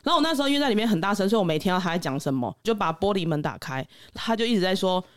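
Fast-talking Taiwanese man telling stories. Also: high voice, smooth. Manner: quick, animated storytelling, acting out customers. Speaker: pet groomer, regular guest. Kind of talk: casual podcast chat.

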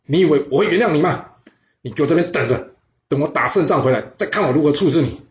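A man voicing an arrogant, hot-tempered ancient king who shouts and scorns his advisers. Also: medium pitch, quick pace, natural voice. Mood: furious. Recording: roomy, slightly dull audio.

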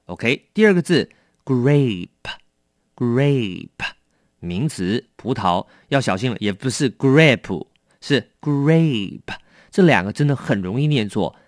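A man teaching English vocabulary in a lively, coaxing way, asking his learners questions. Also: mid-range voice, a little slow, dry recording, studio quality. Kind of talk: bilingual vocabulary lesson.

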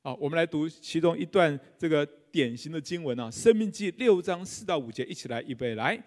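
Male pastor, middle-aged, Taiwanese Mandarin accent, high voice, jokey conversational sermon style that keeps quizzing the pews. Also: animated, a little fast, a little mellow. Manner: humorous, conversational, quizzes the congregation. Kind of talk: live sermon. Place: church sanctuary.

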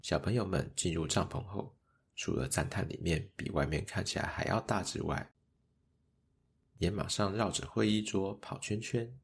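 A man narrating a children's story in a gentle, measured way. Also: deep voice, vocal fry, a little hiss or hum.

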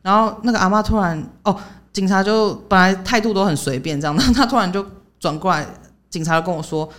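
A woman's voice: mid-range voice, fast talker. A woman co-hosting a casual chat show, telling a personal story with lots of acted-out quotes. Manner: animated storyteller acting out quoted voices. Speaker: podcast co-host.

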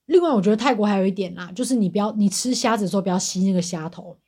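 A woman co-hosting a podcast in Taiwanese-accented Mandarin. She chats casually and tells anecdotes at a quick pace. Her tone is mellow and relaxed, sitting at a middling pitch. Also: breathy edge. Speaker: podcast co-host. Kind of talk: casual chat, telling travel anecdotes.

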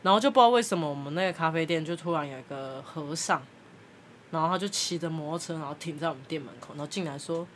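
A woman's voice: low voice, fast talker, a little hiss or hum. A woman podcast host, telling a story in casual chat and acting out the people she quotes, with frequent laughter.

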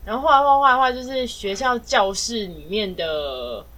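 Young woman podcast co-host, bright and expressive, casual teasing listener. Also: a little high, measured pace. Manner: reactive listener, laughs and teases. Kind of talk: casual chat.

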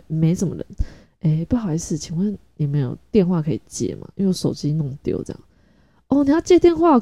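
A woman's voice: on the low side, mellow, dry recording. A woman, telling a casual story as a podcast host, chatty and laughing often, thinking aloud mid-sentence.

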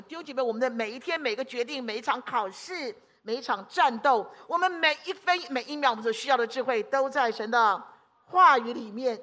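Woman preacher, pitched a little high, giving a fervent sermon full of exclamations and questions to the congregation. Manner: swings between loud declarations and hushed asides. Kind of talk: lively sermon.

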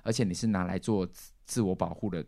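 A man's voice: deep voice, fast talker, gravelly, no echo, clean studio sound. A man, hosting a podcast and telling a family story casually, acting out what his relatives said. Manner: animated, acts out quoted relatives. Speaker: podcast host.

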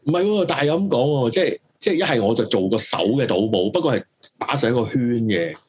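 A man's voice: mid-range voice, animated, fast talker, a little hiss or hum. A man with a Hong Kong Cantonese accent hosting a casual, opinionated live stream, emphatic and rambling, circling back over his phrases and swearing freely. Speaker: talk show host.

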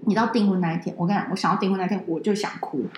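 Woman podcast co-host, quick, animated and indignant, roomy echo. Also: medium pitch. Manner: animated, indignant storyteller who swears. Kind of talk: casual chat, personal storytelling.

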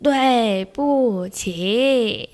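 A woman voicing a loud, mischievous young male bear in a children's storybook, shouting her lines. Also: a little high, drawn-out words, soft background music. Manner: shouts his greetings.

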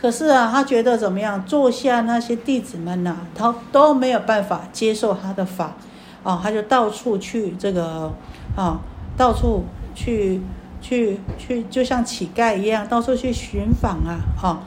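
A woman Buddhist teacher giving a dharma talk. She tells stories and speaks directly to her audience, with drawn-out particles at the ends of her phrases. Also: a little high, a little hiss or hum.

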